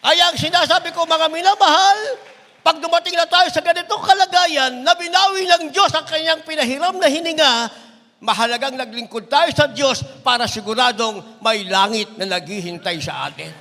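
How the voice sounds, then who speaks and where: A middle-aged man preaching an impassioned sermon, swinging between shouts and low asides. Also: moderate pace. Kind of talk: Tagalog sermon. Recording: long hall reverb.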